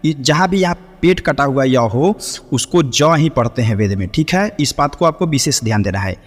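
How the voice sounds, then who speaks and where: A man teaching Vedic chanting, who explains pronunciation in quick bursts and then chants Sanskrit mantras slowly and melodically. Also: mid-range voice, expressive, big-room sound. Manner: checks in often with short affirmations.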